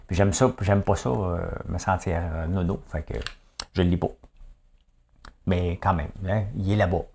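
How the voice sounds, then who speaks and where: A middle-aged commentator with a Québécois French accent speaks in a low, mellow voice. His opinion monologue is jokey and rambling, and he keeps asking "hein?"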